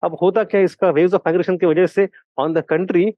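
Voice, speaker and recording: Indian male history lecturer, quick code-switching delivery, dry close recording with a dull top end. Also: high-pitched, steady tone, no echo. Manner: code-switches mid-sentence, quick asides, slow stressed points. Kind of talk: classroom lecture.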